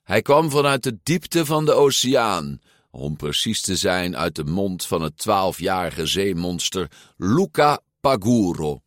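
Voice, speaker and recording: A man narrating a children's storybook in a measured, expressive read-aloud manner. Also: low voice, no room sound, studio quality. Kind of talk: storybook reading.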